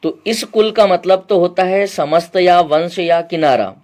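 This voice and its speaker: A male teacher giving an exam-prep lecture, explaining point by point, quizzing his students with repeated questions and often clearing his throat. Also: high-pitched, measured pace, darkish tone.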